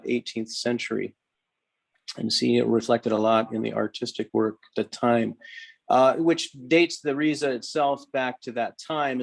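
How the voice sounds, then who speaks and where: A man giving an informal guided tour inside a cathedral, explaining things reverently and haltingly, often pausing mid-sentence. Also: medium pitch.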